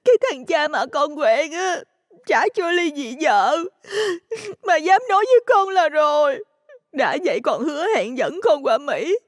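A man's voice: very high voice, big pitch swings, measured pace, dry recording, studio quality, voice pushed up, full character voice. A man voicing a young woman who sobs and wails as she pours out her trouble. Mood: sobbing. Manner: tearful, wailing. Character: young woman sobbing after a beating.

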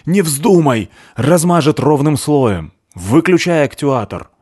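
A man voicing an irritable male boss who shouts curt commands. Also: fairly high pitch, lively intonation, takes it slowly, slightly rough, voice pushed up, full character voice. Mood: shouting angry. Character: sharp, irritable male boss giving orders.

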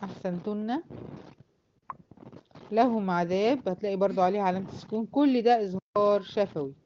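Egyptian lady tajweed teacher, talks fast, asks then answers herself, dull lo-fi sound w faint hiss. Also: medium pitch, mellow. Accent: Egyptian Arabic. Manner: explains with quick questions and answers, recites examples slowly. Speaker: Quran recitation teacher. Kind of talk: online class teaching tajweed.

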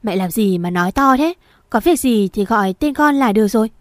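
A woman's voice: on the high side, animated, a little fast, no room sound, clean studio sound, lightly acted. Woman voicing an exasperated young son. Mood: pleading. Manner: pleading, exasperated. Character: young man, frustrated son in love.

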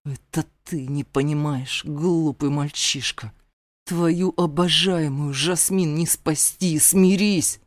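This is a gruff, stern mentor of young warriors, played by a woman reading an audiobook. He scolds and growls in a hard, clipped voice. The recording is close and dry, with no room sound. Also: sits low, measured pace, darkish tone, no room sound.

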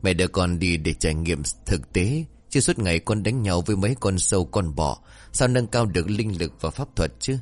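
A man voicing a sharp-tongued, bossy stepmother who scolds and lectures her daughter in a folk tale. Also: sits low, animated, normal speed. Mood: scolding.

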